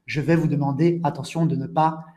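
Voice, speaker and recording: A man hosting a live online language webinar, explaining things slowly with frequent restatements and talking to viewers in the chat. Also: a little high, steady tone, mellow. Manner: interactive, addresses viewers in the chat. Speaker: French teacher hosting a webinar.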